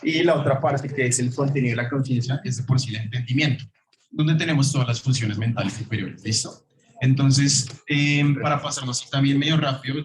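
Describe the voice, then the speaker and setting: A man's voice: medium pitch, slight background noise. A man teaching a classroom lecture that also goes out over Zoom, his voice ringing with heavy echo from a large room; easygoing and filler-heavy, he keeps quizzing the class. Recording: echoey room sound.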